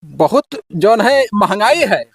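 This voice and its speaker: A man's voice: sits high, sing-song, slow, husky, no echo, studio quality, heavily acted. A man with an Awadhi accent playing a village drunk who boasts and blusters as a hired killer in an amateur comedy sketch. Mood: blustering.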